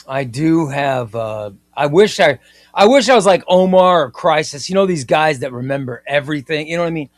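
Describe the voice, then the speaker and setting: A man's voice: a little high, lively intonation, a little fast, no echo. Enthusiastic fifty-something man, dry close sound. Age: 50s. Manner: enthusiastic, rambling, repeats himself. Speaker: comic book livestream host. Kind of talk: casual livestream chat reading viewer comments.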